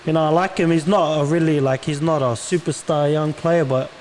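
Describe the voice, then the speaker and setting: A man's voice: on the high side, steady tone, brisk, a little mellow. A man giving casual sports opinions as a panelist, in loose conversational phrasing. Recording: slight background noise.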